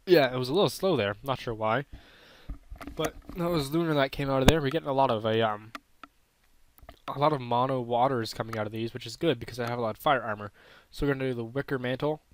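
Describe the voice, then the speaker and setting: A man with a throat irritation giving casual, unsure, self-correcting commentary while playing a mobile game. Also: medium pitch. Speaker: gaming channel host.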